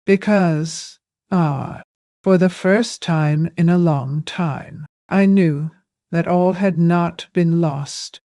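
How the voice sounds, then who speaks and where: An older woman narrating a first-person story in a slow, hushed, reflective way. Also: on the low side, no echo, studio quality.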